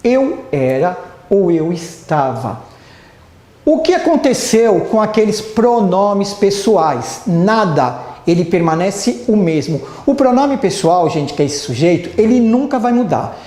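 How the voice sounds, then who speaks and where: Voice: medium pitch, slow pace. Brazilian english teacher live class, bouncy up and down voice, keeps asking if everyone got it, echoey room. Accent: Brazilian Portuguese. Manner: lively, keeps checking in with the class. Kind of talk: live online lesson. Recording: roomy echo.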